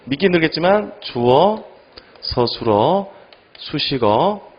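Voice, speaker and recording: A male English teacher giving an online exam-prep lecture, firing quick questions at students and answering them himself. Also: breathy edge, highs cut off. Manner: animated, lively pitch.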